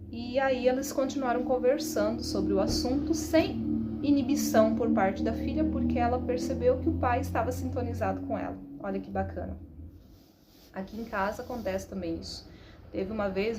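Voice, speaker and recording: A woman in her thirties with a Brazilian Portuguese accent, telling stories about parenting in a chatty, animated way that keeps adding "né". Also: mid-range voice, a little hiss or hum. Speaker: parenting talk host, mother. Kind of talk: casual storytelling talk.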